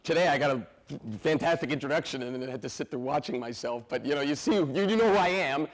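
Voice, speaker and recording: A man giving an animated, energetic masterclass talk to film students, loud and full of stammered restarts and quick laughs. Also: a little high. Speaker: guest speaker at a film school masterclass. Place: stage in a school hall.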